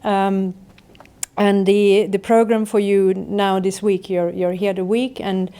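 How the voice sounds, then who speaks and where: A woman's voice: mid-range voice, level tone, takes it slowly, dark tone, smooth. A woman organizing an event, giving friendly, rambling welcome remarks with many fillers.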